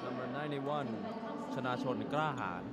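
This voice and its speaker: A man giving color commentary on a live basketball game in calm, short remarks. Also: mid-range voice, normal speed. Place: basketball arena broadcast booth. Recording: loud arena crowd noise behind.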